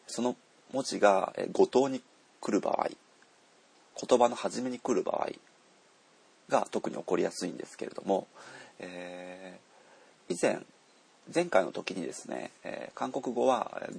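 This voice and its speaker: Gravelly-voiced man teaching pronunciation. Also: lowish voice. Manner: unhurried, many drawn-out fillers, switches into Korean for examples. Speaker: Korean language teacher. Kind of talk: explaining pronunciation to learners.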